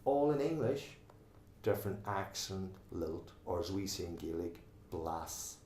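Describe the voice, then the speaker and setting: Middle-aged Donegal Irish man, low voice, earnest interviewee in an echoey room with faint hum. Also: lively intonation, moderate pace, dark tone. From Ireland. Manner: talkative, restarts sentences, earnest. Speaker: oral history interviewee. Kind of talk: recorded oral history interview.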